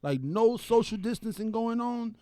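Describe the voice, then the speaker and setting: A man co-hosting a podcast in casual chat, animated and laughing often as he acts out quoted voices. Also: very high voice, normal speed, no room sound, studio quality. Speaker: podcast co-host.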